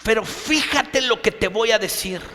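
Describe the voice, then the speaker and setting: High, bright-voiced preaching man. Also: normal speed, big-room sound. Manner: emphatic preaching, questions the listener directly. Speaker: pastor. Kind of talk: sermon.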